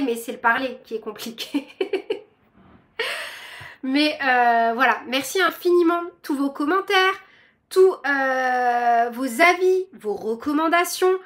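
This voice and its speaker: A woman's voice: high voice, fairly bright tone. A young woman, hosting a crochet vlog and chatting to her viewers in a bubbly, rambling way full of fillers. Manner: bubbly, self-described chatterbox, lots of fillers. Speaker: crochet channel host.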